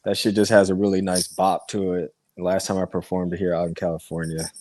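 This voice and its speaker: A man's voice: deep voice, little pitch movement, brisk, darkish tone, dry recording. A man, a musician guest on a podcast, talking in a laid-back, candid way. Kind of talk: casual interview chat.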